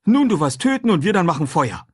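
A man's voice: a little high, sing-song, fast talker, breathy edge, voice pushed up. A man voicing a frightened, hungry grown man who talks in broken, ungrammatical speech, in an audiobook. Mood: eager plain. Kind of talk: audiobook character voice.

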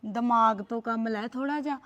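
A woman's voice: on the high side, a little fast, a bit bright, dull audio, natural voice. A woman playing a sly young sister-in-law who coaxes and needles. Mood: needling. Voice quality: coaxing, needling. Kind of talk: short family drama.

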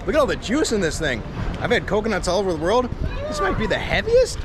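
A man's voice: sits high, wildly swooping pitch, fast talker. Upbeat vlogger man on a noisy street. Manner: upbeat, chatty, slangy, laughs often. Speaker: travel vlogger. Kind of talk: casual travel vlog. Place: outdoors at a busy temple site. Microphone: handheld action camera at arm's length. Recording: loud outdoor background noise. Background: loud outdoor street noise.

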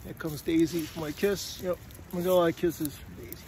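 This middle-aged man's voice is fairly high, brisk and darkish, with fairly even intonation. Holding his phone at arm's length, he vlogs his walk along a windy forest trail, a bit winded, chatty and rambling, repeatedly asking "all right?"

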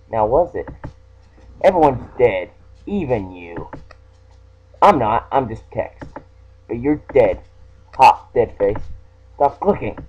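This man's voice is fairly low and husky, a little mellow, as he plays a game casually and reads its text in a teasing, playful manner. Mock-sinister touches creep into his let's play delivery. The home recording sounds dull and lo-fi.

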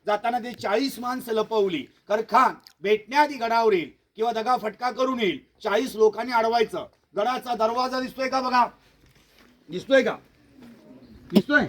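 High-voiced man telling history outdoors. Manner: dramatic, questions the crowd, repeats words for effect. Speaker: fort tour guide. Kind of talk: storytelling to a school group outdoors.

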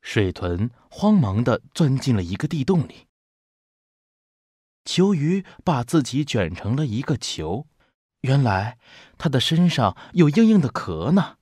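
Expressive man reading a children's picture book. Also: mid-range voice, a little slow, slightly rough, dry recording, studio quality. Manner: expressive, storytelling. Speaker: storybook narrator, voice teacher.

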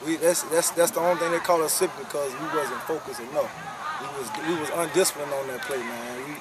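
A man's voice: fairly high pitch, brisk, heavy background noise. A young man, a youth football coach giving a postgame interview outdoors at night, repeating words and adding "man" often. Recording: distant mic with crowd behind.

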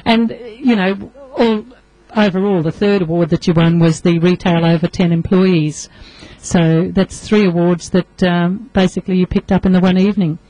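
A woman's voice: lowish voice, steady tone, moderate pace, warm tone, rough recording. A woman hosting a casual radio interview, chatty and laughing often. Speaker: radio host. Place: radio studio. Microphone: studio microphone.

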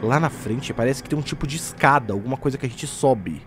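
A man's voice: mid-range voice, fast talker, noisy background, close to an everyday voice. A man voicing a jumpy, bossy young paranormal investigator who insults his friends. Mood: wary. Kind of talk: fan machinima voice acting.

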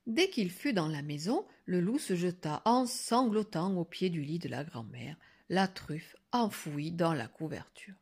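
A woman teacher reading a storybook aloud, slow and expressive, sometimes hushed. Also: lowish voice, slightly rough.

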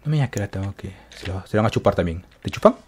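A man with a slightly husky voice talks his way through a video game. His pitch swings widely, from quiet muttering to sudden exclamations aimed at his viewers. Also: lively intonation, rapid-fire. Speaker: gaming channel host. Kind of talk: live gameplay commentary.

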